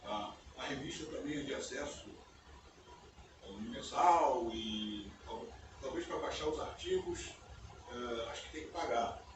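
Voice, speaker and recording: With a mid-range voice and a measured pace, an older American man delivers a relaxed conference lecture as a guest speaker in a university auditorium. A native English speaker, he chats with his listeners, checking in often and tagging phrases with "né?", while the faraway mic catches echo and background noise.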